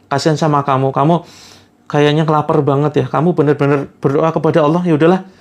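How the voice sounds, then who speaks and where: A man's voice: a little high, little pitch movement, fast talker, darkish tone, natural voice. Man putting on a practical guy, casual, chatty, teasing. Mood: pitying. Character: practical man, mocking then kindly.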